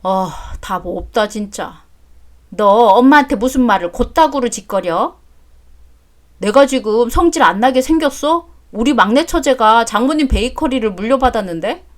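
In a story drama read aloud, a woman voices an adult son who answers his mother curtly and with exasperation. Her natural voice is a little high and animated, at normal speed.

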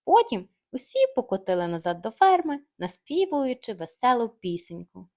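A woman storyteller narrating a children's bedtime tale. Her voice sits fairly high and moves with lively, expressive swings. She keeps the telling gentle. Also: moderate pace.

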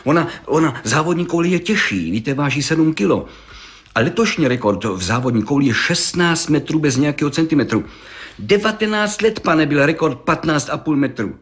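A man voicing an excitable, boastful middle-aged village gendarme who tells his tale in an eager, rambling rush. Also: on the high side, voice pushed up, lightly acted. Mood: excited. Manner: rambling, eager, breathless storytelling. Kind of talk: audiobook reading.

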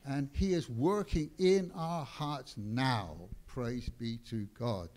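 A man preaching a sermon as pastor in a church, with a deliberate delivery that swells and drops in loudness for emphasis. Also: medium pitch.

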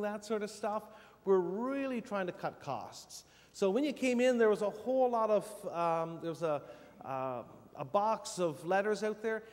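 A man giving casual church announcements from the front of a sanctuary, halting with many fillers. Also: sits high. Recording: long reverb in a church hall.

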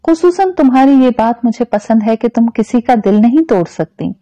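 A woman voicing a tender, tired, lovesick grown man who speaks softly and falters. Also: fairly high pitch, expressive, normal speed, no room sound, close to an everyday voice. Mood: gentle. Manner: soft and faltering. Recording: dull, dry lo-fi recording.

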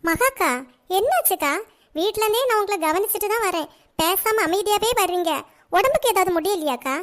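A woman's voice: very high voice, expressive, brisk, fairly bright tone. A woman voicing a caring, outspoken young schoolgirl in a cartoon, chatty and concerned.

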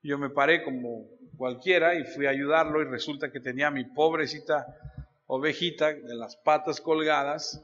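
A man's voice: fairly high pitch, fairly even intonation, normal speed, fairly bright tone. A man preaching a sermon as a pastor, telling stories and putting questions straight to his listeners. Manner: storytelling, addresses listeners directly with questions. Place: church. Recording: dull lo-fi sound with long church hall reverb.

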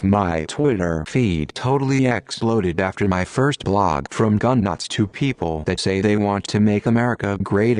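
A man voicing a sarcastic male AI blogger bot with a monotone computer voice, in a comedic scripted monologue. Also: lowish voice, no room sound. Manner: sarcastic, mock-formal.

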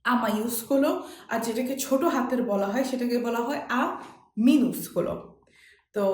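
A woman's voice: on the high side, a little mellow. A woman teaching a language class in a casual way, patiently repeating sounds while she writes letters out. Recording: echoey room with faint noise.

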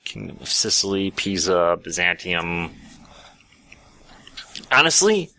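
A man's voice: sits low, sing-song, slow, gravelly, sharp tone. A man hosting a strategy game let's play, musing aloud while he plays and chats. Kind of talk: casual gameplay chat.

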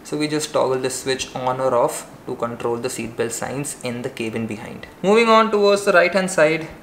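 A young male pilot giving a brisk, plain cockpit tour in an explanatory vlog, filmed indoors at home on a camera in front of him. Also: mid-range voice. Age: young adult. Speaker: airline pilot. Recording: roomy with faint background hiss.

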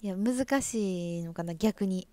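A young woman from Osaka, Japan, a livestream host and stage actress, speaks in Kansai dialect with a mid-range, dark voice at a slow pace. Recorded dry, she chats casually with viewers and reads out their comments during a live stream.

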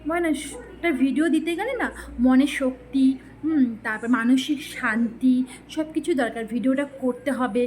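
A woman's voice: high voice, moderate pace, a little mellow, slight background noise. A woman talking casually to her viewers, rambling and chatty with many fillers and restarts. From West Bengal, India. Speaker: lifestyle vlogger.

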